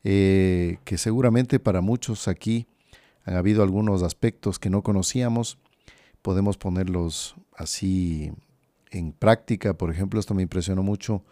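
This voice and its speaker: A priest speaks in a low, mellow voice on a podcast, reflective and conversational. The sound is dry and close, with no room around it. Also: male voice, normal speed, no room sound. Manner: reflective, conversational, often asks "¿no?".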